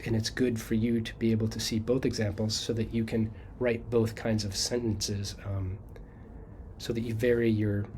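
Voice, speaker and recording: A man's voice: lowish voice, darkish tone, a little hiss or hum. A man teaching college students how to quote sources, talking conversationally and checking in often with "okay?". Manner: thinks aloud with fillers and restarts. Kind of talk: casual screen-share lecture.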